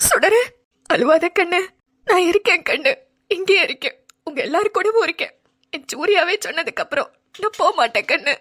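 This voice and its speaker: A woman voicing a gentle, self-effacing old village grandmother in a dramatic cartoon. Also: extremely high pitch, lively intonation, fairly quick, pauses often. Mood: comforting. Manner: soothing, calls others "dear" and "my lord".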